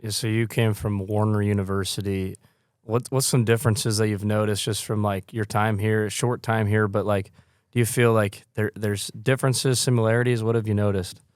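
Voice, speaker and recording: A man's voice: fairly low pitch, little pitch movement, normal speed, a little mellow, clean tone, no echo, clean studio sound. A man co-hosting a podcast, asking rambling questions full of restarts. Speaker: podcast co-host. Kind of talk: casual interview questions.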